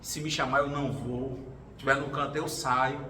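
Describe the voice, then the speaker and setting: A man's voice: mid-range voice, little pitch movement, normal speed, pushed and bright. A man giving an informal talk at a spiritual gathering, telling stories from his life and acting out the voices of others. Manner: conversational storytelling, acts out quoted voices. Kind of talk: informal talk sharing personal experience. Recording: roomy hall, distant mic, faint noise.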